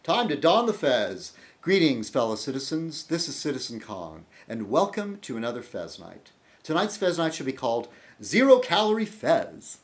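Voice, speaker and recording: A man's voice: medium pitch, sing-song, normal speed. A man hosting a casual video blog monologue, rambling and breaking off mid-sentence while he answers his commenters. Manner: rambling, self-interrupting, addresses commenters. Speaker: video blogger host.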